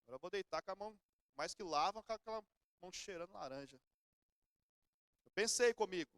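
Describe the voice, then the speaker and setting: A man's voice: high voice, lively intonation, fairly quick, a bit bright, no room sound, studio quality. A middle-aged Brazilian man preaching a sermon in church, telling everyday stories in a conversational way. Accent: Brazilian Portuguese. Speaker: pastor.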